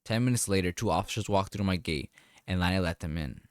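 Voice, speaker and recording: A man narrating a first-person story in a calm, wry, deliberate way. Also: low voice, no echo, studio quality.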